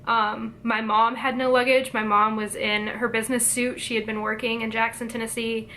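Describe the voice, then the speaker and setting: A woman's voice: a little high, little pitch movement, moderate pace, bright, forceful tone, slight background noise. Young woman telling a hard story. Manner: hesitant, many fillers, emotional. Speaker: vlogger. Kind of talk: personal storytelling.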